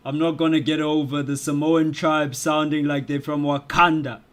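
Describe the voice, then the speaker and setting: A man's voice: a little high, level tone, measured pace. A young man commenting casually on his game playthrough in laid-back slang. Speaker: gaming streamer. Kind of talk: casual let's-play commentary.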